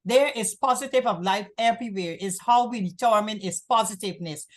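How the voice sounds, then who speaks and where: A woman's voice: mid-range voice, fairly quick. A woman from Guyana hosting a community access talk show, talking in long rambling runs and often repeating herself. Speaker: host.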